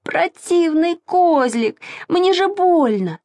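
A woman's voice: mid-range voice, very animated, moderate pace, a little mellow, husky, no room sound, clean studio sound. A woman voicing an eager, brave little boy in a storybook reading.

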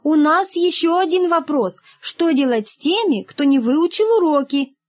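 A strict schoolteacher barks orders at a class in a high, sing-song, brisk voice, voiced by a woman reading a story aloud. She sounds bossy and quick to scold. Her pitch leaps and falls with every line. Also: animated, darkish tone. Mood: commanding. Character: stern adult female schoolteacher.

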